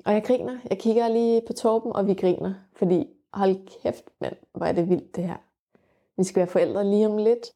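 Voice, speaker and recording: A young woman telling her own birth story frankly and vividly, often pausing on fillers. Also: mid-range voice, warm tone. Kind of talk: candid personal storytelling.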